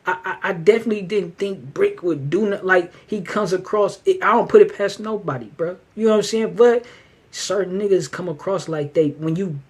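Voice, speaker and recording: A man's voice: high voice, brisk, husky. A man hosting a casual commentary channel, talking loosely in street slang about an ongoing case. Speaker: show host.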